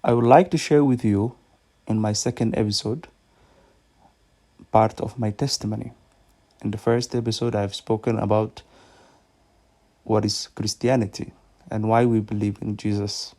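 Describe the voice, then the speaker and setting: A man in his thirties from Somalia, with a Somali accent, giving an earnest, measured personal faith testimony that halts now and then. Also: on the low side, steady tone, mellow. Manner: earnest, measured, slightly halting. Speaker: ministry speaker.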